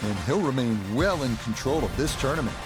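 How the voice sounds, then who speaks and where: A man commentating on golf in a measured, descriptive announcer's delivery. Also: medium pitch, animated, over loud music.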